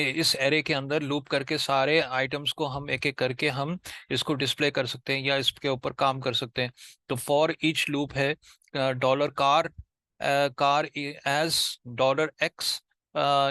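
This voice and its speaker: A programming tutor with an Indian accent walks through an informal step-by-step tutorial, repeating himself haltingly and mixing in English technical terms. His medium-pitched voice is pushed and bright, with no echo.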